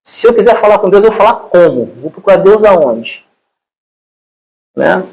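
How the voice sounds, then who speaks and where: A man with a Brazilian Portuguese accent giving an informal lecture, retelling a film in an animated, colloquial way with many repeated fillers. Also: sits high, normal speed, creaky, low-quality recording.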